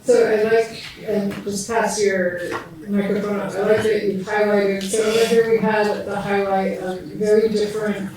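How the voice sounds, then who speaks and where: A woman's voice: medium pitch, little pitch movement, moderate pace, few pauses, crowd noise. A middle-aged woman leading a workshop discussion, summarizing points and inviting comments from participants. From United States. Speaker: workshop facilitator. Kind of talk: moderating a group discussion. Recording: echoey room.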